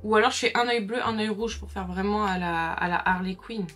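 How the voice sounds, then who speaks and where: A young woman talks viewers through her makeup in a relaxed, chatty tutorial voice, often stopping to comment or correct herself. Her tone has a slightly husky edge. Soft music plays faintly in the background. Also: mid-range voice, a little fast. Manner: chatty, filler-heavy, talks to viewers while working. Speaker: makeup vlogger. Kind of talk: casual makeup tutorial chat.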